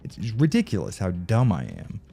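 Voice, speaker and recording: A man's voice: sits low, huge pitch swings, moderate pace, creaky, dark tone, breathy edge, soft background music. A man streaming a game live, chatting casually with viewers, swearing, rambling and laughing often, tired from no sleep.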